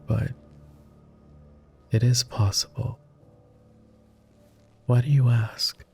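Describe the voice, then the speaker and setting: In an intimate ASMR boyfriend roleplay, a man plays a tender, easily flustered vampire lord, his soft, gravelly, breathy voice sitting on the low side. He sounds embarrassed and hesitant, speaking in formal, old-fashioned phrasing.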